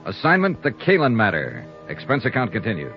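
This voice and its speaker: An American actor playing a shrewd, hard-boiled insurance investigator in clipped, probing 1950s radio drama style. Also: male voice, on the low side, huge pitch swings, brisk, over music. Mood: dramatic. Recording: dull lo-fi old radio recording.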